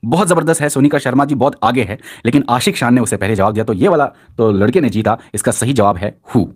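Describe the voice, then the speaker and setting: A man's voice: mid-range voice, quick pace, husky. A man teaching a live online quiz class, reading out student answers and cheering them on with repeated praise. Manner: energetic, encouraging, repeats praise.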